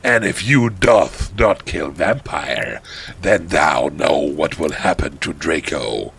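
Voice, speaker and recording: A man voicing a cruel dark wizard villain who gives pompous, drawn-out commands in archaic speech. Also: rumbling low, lively intonation, creaky, breathy edge, voice pushed down, full character voice. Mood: cruel, menacing.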